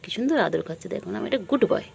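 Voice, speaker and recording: A woman's voice: on the high side, lively intonation, rapid-fire, vocal fry, slight background noise. Cooing woman in sing-song pet talk. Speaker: vlogger filming her cats. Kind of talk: baby talk to pets. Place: home with pets.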